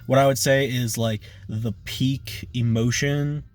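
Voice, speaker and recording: A man's voice: mid-range voice, fairly even intonation, takes it slowly, no room sound. Casual, rambling male vocal coach. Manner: informal, rambling, with frequent fillers and "right?" checks. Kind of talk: casual video lesson.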